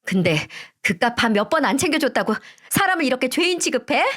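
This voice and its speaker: A woman's voice: high-pitched, big pitch swings, brisk, a bit bright, voice pushed up, exaggerated voice. A woman voicing a spiteful, defiant middle-aged wife who sneers back at her accusers.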